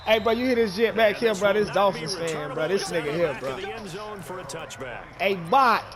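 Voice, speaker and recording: A man's voice: sits high, normal speed. A man streaming a football video game, cursing and trash-talking his opponent as he plays. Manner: profane, rowdy, shouts and jeers at his opponent. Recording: loud stadium crowd noise from the game.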